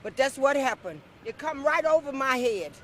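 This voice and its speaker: A woman's voice: high-pitched, lively intonation, normal speed, fairly bright tone. A woman with a Southern American accent giving an emphatic, folksy eyewitness account in an interview. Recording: faint outdoor noise.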